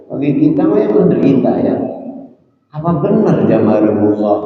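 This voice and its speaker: A man giving a lively mosque sermon, telling stories and often calling his listeners Pak. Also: medium pitch. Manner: animated storytelling, addresses listeners as Pak. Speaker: Islamic preacher. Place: mosque hall. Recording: echoey dull hall recording.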